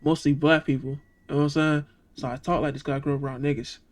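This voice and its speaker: A man's voice: a little high, level tone, quick pace. A young man from Georgia with a Southern accent, talking loosely and profanely as he reacts to a video, often breaking into laughs. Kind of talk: casual reaction commentary.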